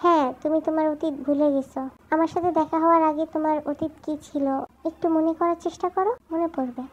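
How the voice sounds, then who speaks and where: A woman's voice: high voice, fairly even intonation, brisk, lo-fi sound, lightly acted. A woman voicing an exasperated young wife who answers with weary, snapping retorts, in a storybook reading. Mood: patient. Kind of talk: storybook reading with voiced characters.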